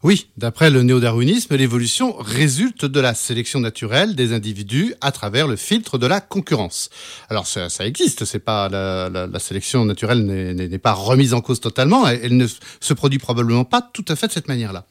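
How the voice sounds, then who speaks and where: Guy expert on a talk show, explaining stuff, lively up and down voice, bit halting. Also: mid-range voice. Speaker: science guest, expert. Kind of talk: conversational explanation in an interview.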